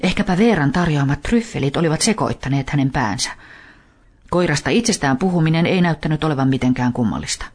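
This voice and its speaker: A man narrating a children's story in a calm, even reading voice. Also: fairly high pitch.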